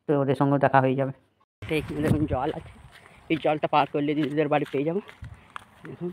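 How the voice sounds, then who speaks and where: Casual family vlogger; walk-and-talk commentary on a phone, chatty and pointing things out. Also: mid-range voice. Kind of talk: casual walking vlog commentary. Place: outdoors, walking through a village, fields and a house.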